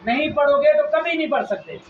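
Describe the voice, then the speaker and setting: A man teaching children to read the Quran, drilling them with repeated questions and loud emphasis, with a Pakistani Urdu accent. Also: very high voice, lively intonation, brisk. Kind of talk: classroom lesson to children. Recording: echoey, distant, muffled, noisy room.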